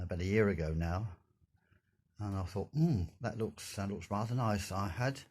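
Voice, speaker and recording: A deep, raspy voice belongs to an older man walking viewers around his motorcycle in an indoor garage. He narrates casually for his vlog, speaking slowly and gently, with a throat that sounds sore and many pauses and fillers.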